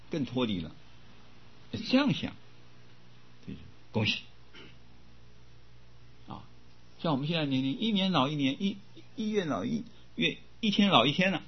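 Older man giving a coughing dharma talk. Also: medium pitch. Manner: coughs and clears throat often, repeats words. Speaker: Buddhist teacher. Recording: dull lo-fi recording.

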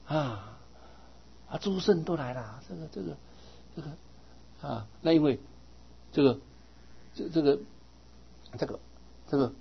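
A man giving a lively Buddhist dharma talk to his students, often asking them "right?" as he teaches. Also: medium pitch, breathy edge, highs cut off.

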